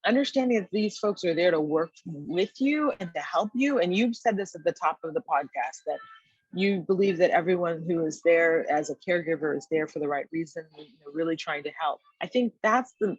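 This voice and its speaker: A woman's voice: lowish voice, fairly quick, slightly rough, no room sound, highs cut off. A woman guest in a podcast conversation, speaking thoughtfully and often checking in with a tag question.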